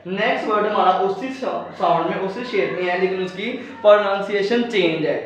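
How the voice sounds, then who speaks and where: A man teaching English pronunciation in a recorded video lecture, patiently explaining and spelling words out letter by letter. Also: sits high. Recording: very echoey room, distant mic, dull sound.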